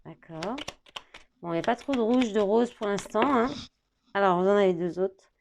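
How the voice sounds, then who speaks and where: A woman giving a tarot reading to camera, thinking out loud as she reads the card words and dropping in small fillers. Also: mid-range voice, normal speed, vocal fry, a little hiss or hum.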